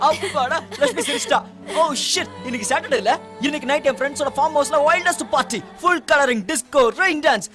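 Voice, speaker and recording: A man's voice: very high-pitched, animated, quick pace, music in the background. A cocky young party guy. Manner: teasing, bossy with friends. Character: cocky young male party-loving friend. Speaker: film character, young man among friends. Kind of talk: dubbed film dialogue.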